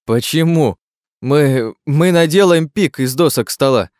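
A man's voice: fairly high pitch, unhurried, a little mellow, clean tone, no room sound, clean studio sound, pitched above the performer's own voice, natural voice. A man voicing a whimpering terrified young man. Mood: frightened pleading. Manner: pleading, whiny, near tears. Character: frightened whimpering young man lost underground.

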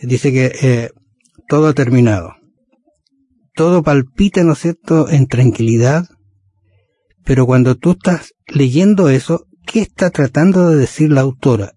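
A man's voice: fairly high pitch, warm tone, slightly rough, no echo. A man hosting a religious radio program, talking casually and often adding rhetorical tag questions.

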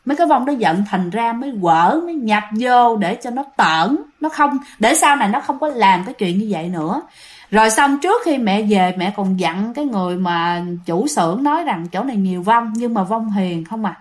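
A woman's voice: mid-range voice, expressive, normal speed. A woman with a Southern Vietnamese accent telling ghost stories in a chatty way, often repeating herself and speaking directly to listeners. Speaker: storyteller host. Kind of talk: casual ghost story telling.

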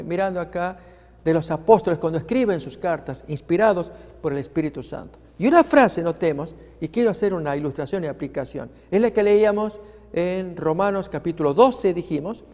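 High-voiced male preacher in a hall. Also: a little mellow. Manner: storytelling, explaining scripture. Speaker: pastor. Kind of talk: sermon. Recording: long hall reverb.

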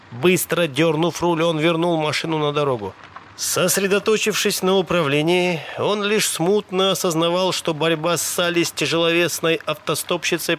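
Male audiobook narrator, slightly high voice, steady storytelling. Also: slight background noise.

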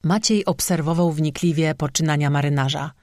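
An audiobook narrator reading a legend in a steady, measured scripted narration. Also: medium pitch, dry recording, studio quality.

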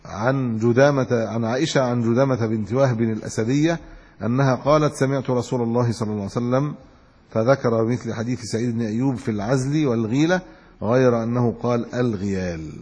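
A man's voice: mid-range voice, fast, darkish tone, slightly rough. A man giving a religious lesson. He reads chains of narrators, then explains them in plain words with some restarts. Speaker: sheikh teaching hadith. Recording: dull lo-fi recording with long hall reverb.

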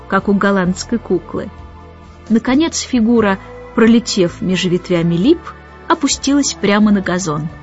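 A woman reading a children's story aloud in an expressive, measured way. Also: medium pitch. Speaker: audiobook narrator. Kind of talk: scripted storybook narration. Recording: dull lo-fi audiobook with faint music.

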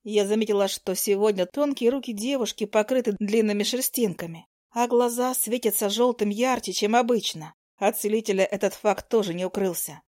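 A woman reading a first-person fantasy novel aloud in an even, clear storytelling manner. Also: mid-range voice, moderate pace, hardly any pauses. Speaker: audiobook narrator. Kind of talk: first-person audiobook narration.

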